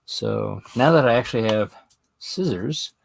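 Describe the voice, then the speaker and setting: A man hosting a hobby livestream, talking slowly and haltingly as he works on a craft project. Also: medium pitch, animated, gravelly. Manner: slow, halting, thinking aloud while working. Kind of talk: casual livestream commentary while crafting.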